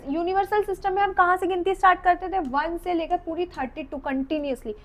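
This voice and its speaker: Speaking in a very high voice with an Indian accent, a woman delivers an exam-focused dental lecture, reading English definitions slowly before explaining them in Hindi and questioning her students. Her intonation stays fairly even. As she draws, she counts the teeth aloud, sinking into a soft murmur that trails off.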